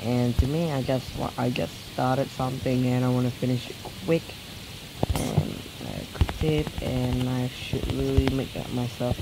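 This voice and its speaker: A fourteen-year-old boy rambles through casual let's-play commentary on a mobile game, restarting often. His medium-pitched voice is very animated but weak from a recent illness, with vocal fry and a measured pace. The recording is very noisy.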